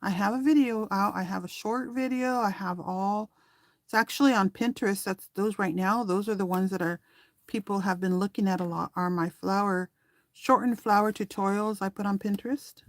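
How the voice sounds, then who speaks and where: A woman at a normal speed and medium pitch walks through a craft tutorial, rambling conversationally and voicing her thoughts as her hands stay busy. She's also a small online shop seller, and the recording has no room sound.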